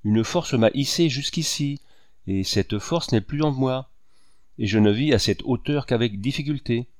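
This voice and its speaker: A man reading the lines of a melancholy, aging male artist who speaks gently and hesitantly, with soft sighs. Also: mid-range voice, measured pace, dry recording, studio quality, natural voice. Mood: brooding.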